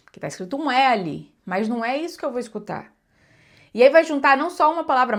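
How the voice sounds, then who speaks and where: A young Brazilian woman with a slightly high voice teaches English pronunciation in a relaxed, conversational way. She talks loosely, restarts her sentences and breaks into sample English words as she explains. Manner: chatty, self-correcting, demonstrates English words. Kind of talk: casual explanatory lesson.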